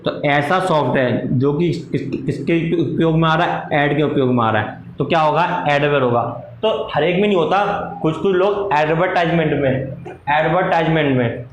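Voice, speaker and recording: Hindi teacher dictating in an echoey room. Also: male voice. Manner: dictates slowly, repeats and quizzes the class; answers his own questions in a lower voice. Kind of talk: classroom lecture. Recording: echoey room with faint noise.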